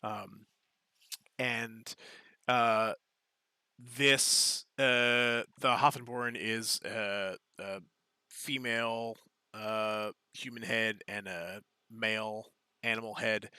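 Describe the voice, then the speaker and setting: Slow, bright-voiced man running the game. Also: mid-range voice, clear, resonant tone, no room sound. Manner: relaxed, halting narration with many fillers. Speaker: game master. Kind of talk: narrating a tabletop game.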